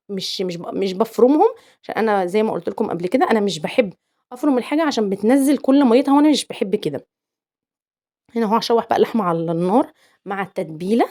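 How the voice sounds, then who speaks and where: Rapid-fire chatty Egyptian woman. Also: mid-range voice, a little mellow. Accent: Egyptian Arabic. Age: young adult. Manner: playful, teasing, repeats words for emphasis. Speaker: cooking vlogger. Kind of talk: chatty home cooking vlog voice-over.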